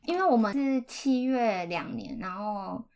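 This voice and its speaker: A woman's voice: medium pitch, lively intonation, a little slow, darkish tone. A woman with a Taiwanese accent telling personal stories in a casual podcast chat.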